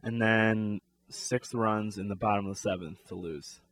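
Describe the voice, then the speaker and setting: A man's voice: fairly low pitch, fairly even intonation, a little slow, fairly bright tone, dry recording. A man co-hosting a sports talk show, casually recounting a game in detail with easy laughs. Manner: laid-back, recounts plays in detail with laughs. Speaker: co-host.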